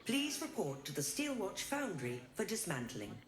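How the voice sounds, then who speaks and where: A woman's voice: mid-range voice, big pitch swings, normal speed, roomy sound, over music, close to an everyday voice. A woman playing a cold mechanical sentry in a video game, with formal, clipped, officious speech. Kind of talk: video game character acting.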